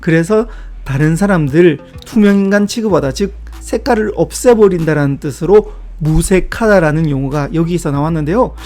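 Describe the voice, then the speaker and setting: A book-review video host, a man with a mellow and slightly high voice, chats casually about where words come from. He drifts into reflective asides and drops small self-deprecating jokes along the way.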